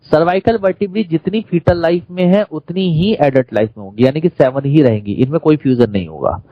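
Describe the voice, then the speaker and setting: A man's voice: on the high side, lively intonation, a little fast, dry recording, dull audio. Male teacher lecturing in an Indian accent. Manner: questions the class and repeats key terms. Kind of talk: classroom lecture.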